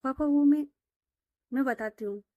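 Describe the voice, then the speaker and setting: Woman voicing a sensible young businesswoman, earnest, chiding, higher pitch, dry sound. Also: measured pace, no room sound, narrow, tinny audio.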